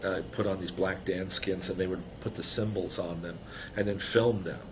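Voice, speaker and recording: A man's voice: deep voice, steady tone, normal speed. An older man being interviewed about his book, talking casually with many restarts and fillers. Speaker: interviewee, author of a book on computer animation. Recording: dull, slightly noisy recording.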